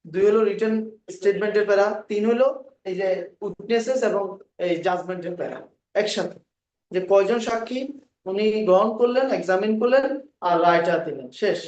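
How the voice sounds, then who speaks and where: A male law lecturer with a Bangladeshi accent, giving a classroom lecture, dictating legal phrases slowly and often checking that students follow. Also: high-pitched, a little mellow, a little hiss or hum. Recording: distant, echoey, dull room recording.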